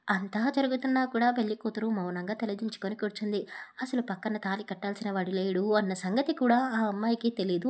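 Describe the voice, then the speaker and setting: Expressive woman reading an audio story. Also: on the high side.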